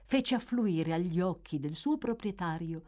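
A woman narrating a classic novel as an audiobook, in an expressive, measured reading. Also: fairly low pitch, faint music behind. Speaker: audiobook reader.

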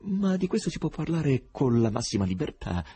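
A man's voice: medium pitch, big pitch swings, moderate pace, warm tone, breathy edge, voice pushed up, full character voice. A man voicing a self-assured editor who lectures a younger poet, in a radio reading of a novel. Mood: polite. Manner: didactic, explaining.

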